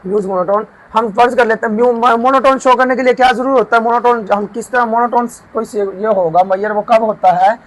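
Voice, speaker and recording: A man teaching math, walking through a proof and slowing down to dictate each formula term by term. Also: very high voice, fairly even intonation, low-quality recording. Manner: often checks in with "theek hai". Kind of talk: lecture explaining a proof.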